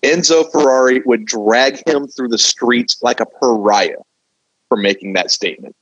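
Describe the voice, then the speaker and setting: Brief: a fired-up male podcast co-host, a bit husky, on a slightly dull mic. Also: medium pitch, moderate pace, a bit bright, dry recording. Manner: impassioned, ranting. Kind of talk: casual chat.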